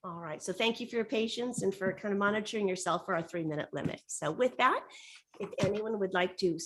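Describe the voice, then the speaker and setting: A woman chairs a formal public meeting in a somewhat husky, medium-pitched voice. She is courteous and procedural, pausing often as she works through her remarks.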